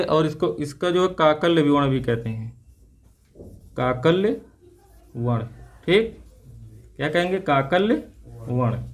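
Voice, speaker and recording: In a slightly high voice, a man teaches Hindi grammar for exam prep. He asks questions and answers them himself, repeating things in slow, drawn-out fashion.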